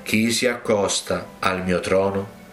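Preacher guy doing god on the throne, slow and grave, roomy echo. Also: sits low, steady tone, a bit bright, faint music behind, pitched below the performer's own voice. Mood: solemn. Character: booming, solemn God judging from a throne.

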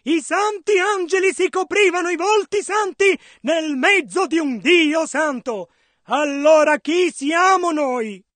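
A man interpreting a sermon into Italian, echoing the preacher's dramatic rises and shouts. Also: very high-pitched, takes it slowly. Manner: echoes the preacher's dramatic delivery.

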